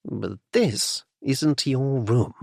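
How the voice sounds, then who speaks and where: A man voicing an exasperated young gentleman who speaks in a dry, mocking, clipped way. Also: medium pitch, drawn-out words, creaky, no echo, full character voice. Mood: scolding. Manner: sardonic, clipped.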